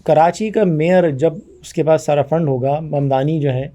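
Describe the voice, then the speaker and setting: Male guest, higher-pitched mellow voice, argumentative, replays dialogues. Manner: forceful, argumentative, acts out both sides of past conversations. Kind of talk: conversational interview.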